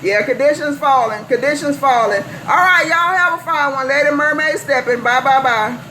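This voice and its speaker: Over a noisy CB radio transmission, a Californian woman chats playfully and boastfully, chanting repeated phrases into her CB mic. Her voice is high-pitched and her pace moderate.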